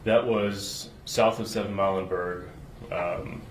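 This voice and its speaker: Brief: low-voiced male witness on a courtroom recording, roomy and noisy, halting testimony. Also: fairly even intonation. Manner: halting, with many fillers and restarts. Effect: played from a courtroom recording. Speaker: search and rescue agent testifying as a witness. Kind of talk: courtroom testimony, answering questions.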